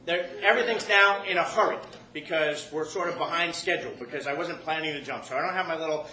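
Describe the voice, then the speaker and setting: A man's voice: a little high, quick pace, sharp tone, roomy sound, rough recording. A man telling a comic story to a live audience, profane and self-mocking, often laughing while he talks.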